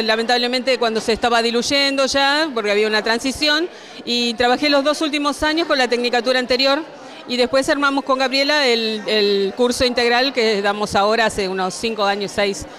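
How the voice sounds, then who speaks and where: A middle-aged woman with a Buenos Aires accent, a ceramics teacher giving unhurried, plain interview answers into a handheld mic in an indoor hall. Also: a little high, fairly even intonation, a bit bright. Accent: Buenos Aires Spanish. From Buenos Aires, Argentina. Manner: unhurried, plain, with filler pauses. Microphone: handheld reporter mic.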